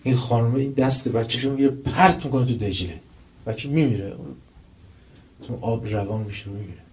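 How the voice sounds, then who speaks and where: A male preacher giving a religious lecture, telling stories with rising intensity and reciting verses slowly. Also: mid-range voice, a little mellow. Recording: dull lo-fi recording.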